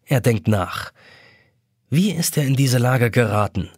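A man reading a children's story aloud, animated narration that acts out the characters. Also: mid-range voice, a little slow, slightly rough, dry recording, clean studio sound. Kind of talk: expressive scripted story narration.

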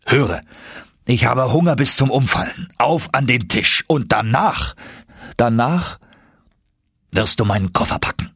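Man voicing an obsessive old male professor, audiobook, high-pitched, excitable, husky. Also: unhurried, long pauses, dry recording, clean studio sound, heavily acted. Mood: eager. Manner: excited exclamations. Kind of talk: audiobook reading.

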